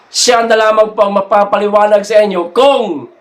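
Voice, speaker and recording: A man's voice: sits high, fairly even intonation. A man giving casual political commentary to his viewers, teasing and laughing often. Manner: teasing, laughing often, slow drawn-out delivery.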